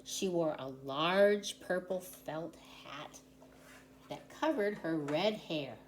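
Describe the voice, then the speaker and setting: A deep-voiced woman volunteer reads slowly but with animation at a children's story time. Simple explanations, chatty side comments and questions to the young audience fill her reading, and the recording carries a roomy echo and audible background noise.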